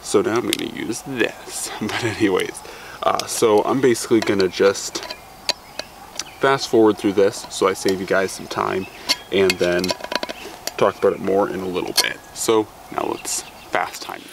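Young man with a low, gravelly voice. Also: fairly even intonation, a little slow, background noise. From Alaska. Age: young adult. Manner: chatty and loose, with fillers and restarts. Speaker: outdoors vlogger. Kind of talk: casual how-to demonstration. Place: outdoors in a birch woodland.

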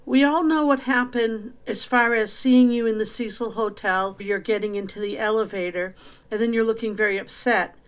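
A woman's voice: a little high, fairly even intonation, moderate pace, rough recording. A middle-aged woman hosting a spirit box session in a casual, direct, questioning way. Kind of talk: casual vlog intro and slow questioning of a spirit.

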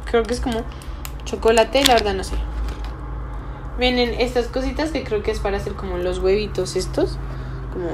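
With a somewhat high voice at normal speed, a young woman leaves long pauses as she chats casually and unsurely to the camera. She's a vlogger cooking at a table in a small indoor room, and the background is noisy.

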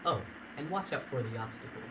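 A man voicing toy dogs and running a race in an amateur toy role-play, with quick, excitable exclamations. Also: mid-range voice, noisy background. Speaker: home video creator voicing toy dogs.

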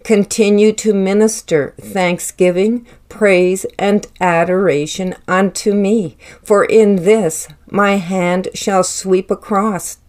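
A woman delivering a prophetic word in a slow, measured and solemn manner, speaking in the first person as the Lord and then explaining it. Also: medium pitch, steady tone, a little mellow.

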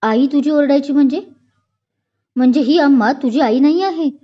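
A woman's voice: on the high side, expressive, moderate pace, darkish tone. Brief: irritable young male police inspector, read by a woman storyteller, raised voice, exasperated, lo-fi.

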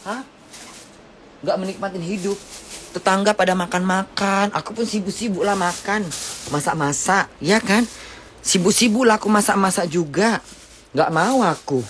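A woman's voice: mid-range voice, unhurried, pauses often, slight background noise. A woman vlogging at home, grumbling about the rain and cooing and scolding at her cats in a casual monologue.

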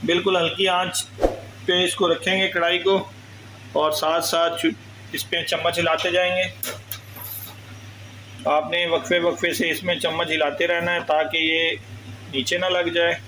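A man's voice: on the high side, flat delivery, a little slow, long pauses, sharp tone, a little hiss or hum, poor audio. A man hosts a cooking channel and explains a recipe step by step. He speaks to his viewers as friends. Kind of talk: cooking tutorial. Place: home kitchen.

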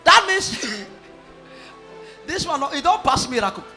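A man preaching as a pastor, questioning a witness and calling out to the congregation with emphatic, shouted lines. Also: very high-pitched, big pitch swings, unhurried. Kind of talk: preaching with call-and-response. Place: church hall with congregation. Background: music and loud congregation.

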